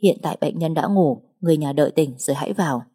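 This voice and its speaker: A woman voicing a matter-of-fact hospital doctor giving brisk, clinical instructions in an audiobook. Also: low-pitched, warm tone, slightly rough.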